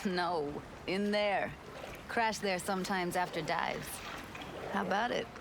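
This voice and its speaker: Game role: guarded, tender young woman, weary, lower-pitched, with noticeable ambience behind. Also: slow pace, noisy background. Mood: soft, caring. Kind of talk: video game drama acting.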